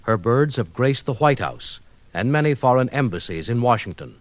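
A man's voice: medium pitch, dry recording. A man making a ceremonious, formal introduction as the announcer of an old vinyl album recording. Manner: stately, ceremonious delivery.

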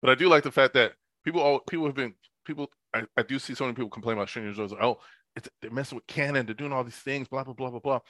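A man co-hosting a casual chat, animated and quick to laugh. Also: medium pitch, no echo.

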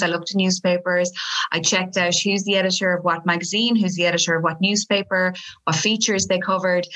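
Bright west of Ireland woman, lowish voice. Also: poor audio. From Galway, Ireland. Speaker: guest, PR professional. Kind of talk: conversational interview answers.

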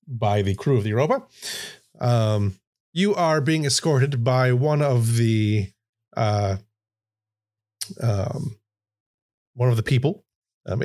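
A man's voice: on the low side, darkish tone, no room sound, studio quality. A man narrating a tabletop game as game master, hesitant, with many fillers and restarts. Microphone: streaming mic.

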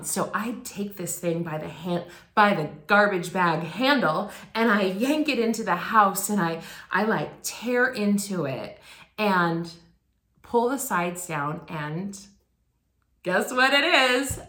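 A woman in her forties preaches from the church stage by telling a story about her own life. She talks candidly and casually, with plenty of "like" and "um". Her mid-pitched voice carries through a roomy, echoing sanctuary. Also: expressive, takes it slowly, a bit bright. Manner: candid and chatty, full of "like" and "um". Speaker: pastor. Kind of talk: personal storytelling sermon.

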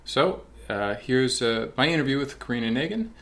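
Halting male podcast host. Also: mid-range voice, expressive, over music. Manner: halting, repeats words while framing questions. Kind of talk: podcast interview.

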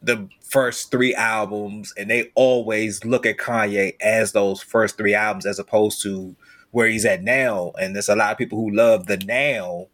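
Male panelist, lowish voice, relaxed and chatty. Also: unhurried. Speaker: podcast panelist. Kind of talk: casual podcast discussion.

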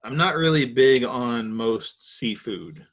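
A man's voice: medium pitch, lively intonation, takes it slowly, a little hiss or hum. Easygoing Southern man hosting a podcast. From American South. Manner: rambling, filler-heavy, easygoing. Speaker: podcast host. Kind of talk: casual podcast chat.

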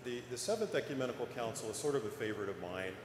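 A man preaching an informal, explanatory sermon in a conversational, hesitant manner with frequent pauses, his voice echoing through the church. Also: mid-range voice, animated. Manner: conversational, hesitant, pausing often. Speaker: preacher giving a parish sermon. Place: large echoing church interior. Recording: echoey reverberant church, noticeable background noise.

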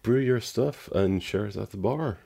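Male podcast co-host, deep husky voice, joking casual chat. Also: moderate pace, warm tone. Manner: playful, joking. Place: home in the Netherlands.

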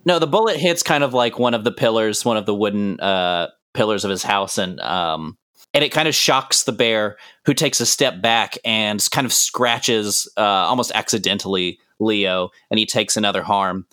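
Low-voiced man running a tabletop game. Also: normal speed, bright, forceful tone. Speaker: game master. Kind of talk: casual tabletop game narration.

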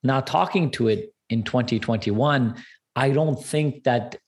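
An earnest man from Canada, guest on an interview show, telling his story at a medium pitch. He sounds upbeat and often circles back to repeat a point for emphasis. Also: measured pace. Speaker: guest entrepreneur and speaker.

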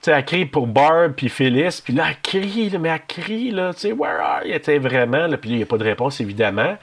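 A man's voice: on the high side, expressive, quick pace, slightly rough. A man, casually recapping a horror film scene by scene on a podcast with rambling fillers. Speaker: podcast co-host. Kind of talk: casual chat reviewing a film.

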